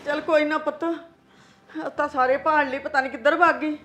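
A woman's voice: sits high, steady tone, moderate pace, a bit bright, slight background noise. A woman playing a worried, pleading mother. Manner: pleading, tearful. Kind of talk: village short film acting.

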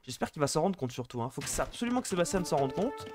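A man casting a live strategy game match, chatty and excitable, bantering with viewers between plays. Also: a little high, fast, over music. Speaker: esports caster.

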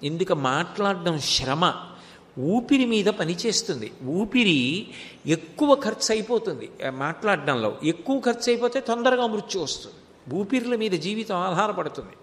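A man's voice: high-pitched, sing-song, moderate pace, a bit bright, big-room sound. A man giving a religious discourse, telling a story and asking rhetorical questions. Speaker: spiritual discourse speaker.

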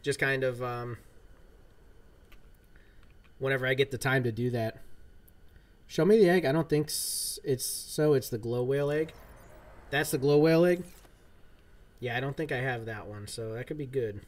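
With long pauses in his mid-range voice, a man in his thirties speaks at normal speed while streaming games from his home gaming room. His casual chat is laid-back and meandering, full of fillers.

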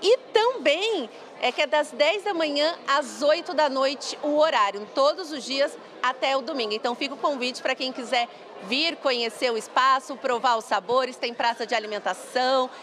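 A woman's voice: sits high, moderate pace, fairly bright tone, slight background noise. A young woman, reporting live and interviewing at an indoor fair in an upbeat, chatty way. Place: busy indoor food fair. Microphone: handheld reporter mic.

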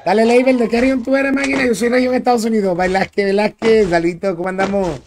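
A man's voice: high-pitched, steady tone, fast talker. A man streaming a game, chatting casually and greeting his viewers by name in a friendly, slangy way. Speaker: gaming streamer. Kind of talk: casual live-stream chat while gaming. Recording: clear background noise with clicks.

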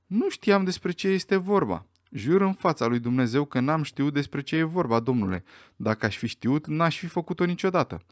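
A man reading an audiobook voices a frightened butler who anxiously protests his innocence, his voice pushed higher than his narration. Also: sing-song, darkish tone, no echo, clean studio sound, lightly acted. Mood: desperate. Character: frightened middle-aged male butler, pleading.

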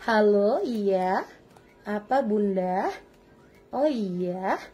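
A woman imitating a shop admin who answers the phone in flat, clipped, bored replies. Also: medium pitch, very slow, husky, pitched below the performer's own voice, full character voice. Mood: flat curt. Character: curt, low-voiced shop admin on the phone.

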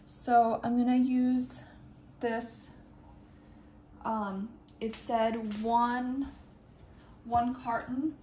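A woman's voice: fairly high pitch, darkish tone. A young woman talking casually through a cooking vlog, narrating each step with frequent ums. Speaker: cooking vlogger. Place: home kitchen. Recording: echoey kitchen with sizzling noise.

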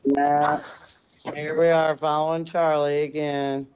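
A man's voice: on the high side, level tone, slow pace, noisy background. A man from Missouri chatting as a teammate in a game, joking and teasing. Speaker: gaming teammate. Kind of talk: casual gaming chat.

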